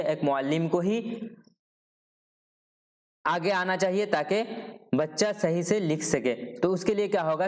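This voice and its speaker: A man's voice: sits high, darkish tone. Man giving an exam-prep lecture. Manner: repeats "ठीक है" and asks himself questions as he explains. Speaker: teacher.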